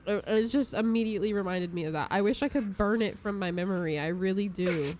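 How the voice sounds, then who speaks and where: A woman's voice: mid-range voice, fairly quick, darkish tone, slight background noise. A young woman, chatting casually and giggling with viewers on a live stream.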